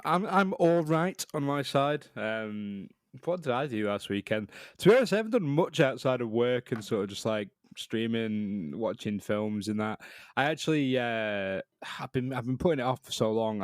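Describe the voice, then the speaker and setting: A man's voice: mid-range voice, expressive, moderate pace, no echo, studio quality. A British man co-hosting a podcast, chatting casually in a talkative, opinionated way with some swearing. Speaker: podcast co-host.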